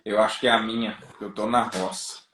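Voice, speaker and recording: A man's voice: lowish voice, quick pace. Brazilian man on a crackly call line. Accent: Brazilian Portuguese. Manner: relaxed, leans on tag questions. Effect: crackly, breaking-up call line. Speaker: guest psychologist. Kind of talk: casual interview chat. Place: rural home. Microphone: remote video call. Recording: echoey room over a choppy remote call.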